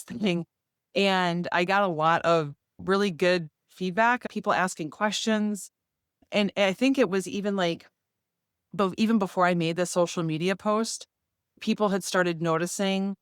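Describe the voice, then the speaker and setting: A woman in her forties, a fitness vlogger, speaks directly to her viewers in a casual, earnest way about how her fitness year went. Her lowish voice is smooth, and the studio-quality audio has no echo.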